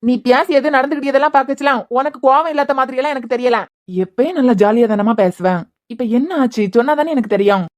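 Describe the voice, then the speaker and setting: A woman's voice: sits high, fast talker, lightly acted. Patient cartoon husband, playful and pleading, Kanyakumari Tamil accent, played by a woman. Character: teasing patient young husband. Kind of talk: cartoon web series voice acting.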